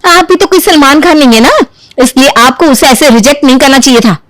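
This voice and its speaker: A woman's voice: high voice, fast, a bit bright, dry recording. A woman voicing a sensible young sister-in-law in a cartoon who tries to talk sense into him. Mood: persuasive. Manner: persuasive, chatty.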